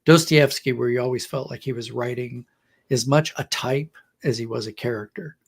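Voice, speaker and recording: With a husky mid-range voice at normal speed, a middle-aged or older writer speaks as a podcast guest. His conversation is reflective storytelling about books, punctuated by quotes he acts out.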